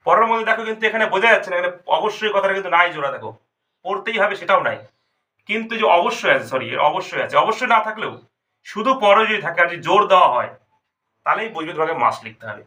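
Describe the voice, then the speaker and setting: Male teacher, high-pitched and brisk, walks students through grammar step by step. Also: lively intonation, pushed and bright. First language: Bengali. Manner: explains step by step, asks students questions. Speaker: English teacher. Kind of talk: spoken grammar lesson.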